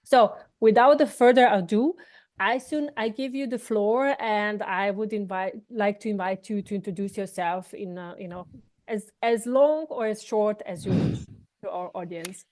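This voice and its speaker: A woman's voice: mid-range voice, normal speed, a little mellow. A woman hosting a podcast, introducing her guest in a hesitant way with many fillers. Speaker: podcast host. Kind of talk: casual interview intro.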